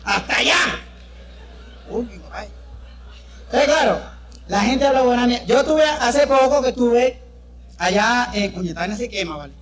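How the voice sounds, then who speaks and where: A man's voice: very high-pitched, lively intonation, moderate pace, long pauses, a bit bright. A man with a Venezuelan accent doing crude, chatty live stand-up comedy on stage. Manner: brash, crude, chatty storytelling with the crowd. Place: stage before a live audience. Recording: live show with crowd noise.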